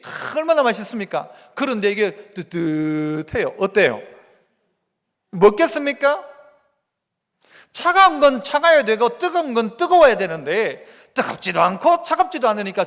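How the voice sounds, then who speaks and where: A man's voice: very high voice, fairly bright tone. A male pastor with a Gyeongsang accent preaching a sermon in church, asking the congregation rhetorical questions. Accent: Gyeongsang Korean. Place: church sanctuary. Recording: long church reverb.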